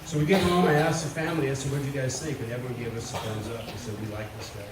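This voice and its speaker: A man's voice: mid-range voice, steady tone, very fast. A middle-aged man, the father of the bride, giving a wedding speech as a folksy, joking storyteller. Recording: echoey hall, distant mic, loud noise.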